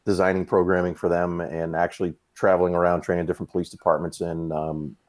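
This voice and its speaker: A man's voice: low voice, fast talker. A man in his fifties from Massachusetts, a podcast guest chatting casually about fitness, telling stories with lots of fillers. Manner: relaxed storyteller with frequent fillers. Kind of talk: casual chat.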